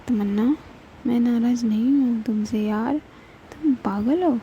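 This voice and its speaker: A woman reading as Mahi, a brisk young woman. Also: fairly high pitch, dark tone, muffled recording, a little hiss or hum, lightly acted. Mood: coaxing. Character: young woman, brisk and impatient but tender.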